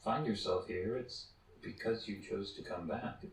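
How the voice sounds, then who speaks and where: An actor playing a calm, polite office supervisor, speaking in a gentle, patient and placating way. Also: male voice, on the low side, unhurried. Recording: distant, echoey clip audio.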